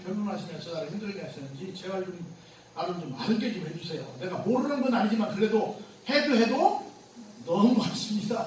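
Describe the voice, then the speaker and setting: A man's voice: sits high, recorded from a distance, a little hiss or hum. A male pastor preaching a sermon in a conversational way, firing rhetorical questions at the congregation. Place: church sanctuary. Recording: very echoey church room from afar.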